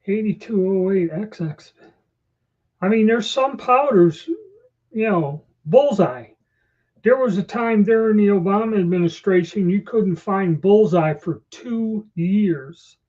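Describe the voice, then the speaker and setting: A man's voice: high voice, slow pace, darkish tone. A man hosting a casual livestream from a small indoor room, rambling conversationally, his speech slightly impeded by new false teeth. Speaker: livestream host. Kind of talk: casual livestream chat answering viewers. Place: small storeroom or office, indoors. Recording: dull lo-fi livestream audio.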